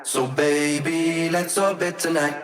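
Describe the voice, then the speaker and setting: Dude's vocal sample, metallic spiralling pitch warble, super slow, far back under loud music. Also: male voice, fairly even intonation. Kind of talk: sung vocal hook. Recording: distant vocal buried in music.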